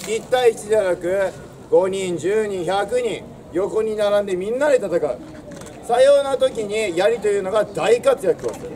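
In front of a castle stone wall, a young adult man gives an outdoor history lesson in old samurai speech, theatrical and projecting with a swaggering, declamatory storyteller's style. His voice sits high, expressive and mellow, at a measured pace. A distant mic also captures crowd, birds and traffic.

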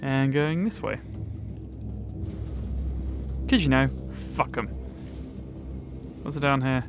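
A man's voice: mid-range voice, takes it slowly, over music. A man playing a video game and commentating as he goes, swearing, joking and mocking himself. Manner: sweary, self-mocking, talks to game characters. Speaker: gamer. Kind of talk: let's play commentary.

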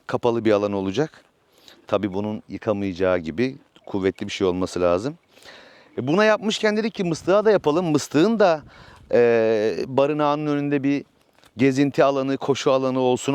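A man's voice: medium pitch, darkish tone, clean tone, no echo. A man vlogging outdoors from his village farm, chatting casually about his new horse and coaxing it along. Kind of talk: casual vlog narration.

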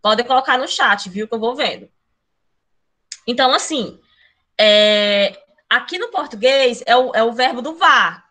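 Bright-voiced woman teaching an online class. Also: a little high. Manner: talks about herself as "a tia", teacherly and chatty; speeds up when excited about grammar. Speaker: Spanish teacher.

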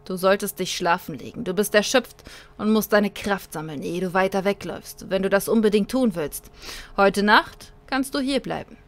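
Weathered old desert hermit, calm, measured, reassuring, a woman reading him out in her own voice, game story. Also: mid-range voice, faint music behind, natural voice.

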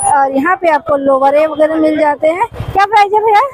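A woman's voice: sits high, brisk, low-quality recording. A woman with a Delhi Hindi accent, chatting casually as she walks through a crowded outdoor street market and calls out prices to sellers. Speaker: vlogger. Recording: busy street crowd and traffic noise.

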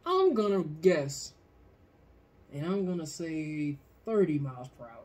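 A man's voice: on the high side, expressive, measured pace, darkish tone. A young man bantering casually on a podcast, slangy and sweary, trading trivia guesses with friends. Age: young adult. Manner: informal, slangy, profane. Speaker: podcast co-host. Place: small indoor room at a table. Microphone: shared podcast microphone on table.

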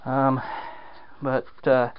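Extremely slow and completely flat, a medium-pitched man rambles and drawls with lots of fillers while filming a home repair walkthrough in a damp basement. The handheld camera captures dull, lo-fi audio with slight background noise.

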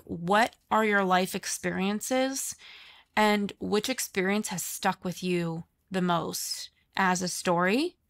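A woman's voice: medium pitch, a bit bright. A woman guest on an interview podcast, speaking about her coaching work in a chatty, conversational way with frequent fillers.

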